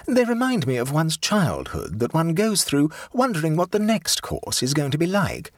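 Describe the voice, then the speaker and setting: A man's voice: a little high, wildly swooping pitch, normal speed, no echo, clean studio sound, voice pushed up. A man reading a witty young dandy. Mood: amused. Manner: drawling, ironic, witty. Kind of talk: audiobook character voice.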